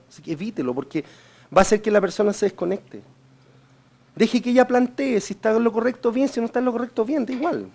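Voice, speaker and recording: A man's voice: sits high, darkish tone. A man with a Chilean accent giving a sales training lecture. He coaches the audience directly and keeps checking in with them by asking "right?". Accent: Chilean Spanish. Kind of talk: seminar lecture.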